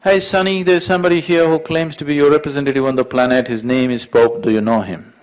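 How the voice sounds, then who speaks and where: Man voicing a laid-back, dismissive gatekeeper, loud offhand call-outs. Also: lowish voice, slow. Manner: breezy, dismissive, calls out loudly. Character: offhand male gatekeeper saint, casual and unimpressed.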